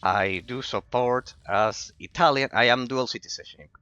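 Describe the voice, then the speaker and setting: A man's voice: medium pitch, moderate pace, sharp tone, clean tone, dry recording, muffled recording. A man from Argentina, streaming a game while answering chat and rambling about philosophy, often repeating himself. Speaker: gaming streamer. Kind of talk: casual commentary while gaming, replying to chat.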